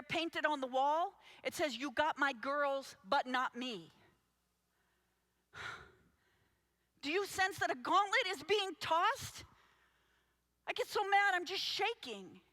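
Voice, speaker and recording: Speaking with urgency and addressing the crowd head-on, this woman campaigns against trafficking in a fervent conference address. Her high voice sounds bright and forceful.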